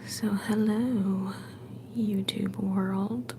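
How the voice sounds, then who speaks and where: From home, a woman hosts a whispered ASMR livestream, speaking extremely slowly in a steady, mid-range voice. She moves between whispering and soft speech while gently greeting chat, captured by a phone some distance away against a noisy background.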